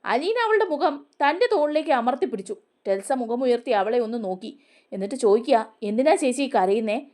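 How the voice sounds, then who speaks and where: A woman narrating a TV serial as a story, with a steady, expressive reading. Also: on the high side, a little fast.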